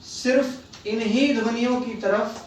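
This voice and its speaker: A man teaching children, talking slowly and patiently and sounding out each letter one at a time. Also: very high voice, steady tone, slight background noise. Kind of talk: slow, deliberate classroom lesson. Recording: echoey room, voice from far off.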